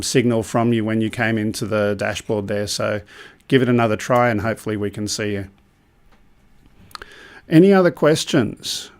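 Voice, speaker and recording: Male live-show host, mid-pitched, loose and rambling, filler-heavy chat. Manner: relaxed, rambling with many ums.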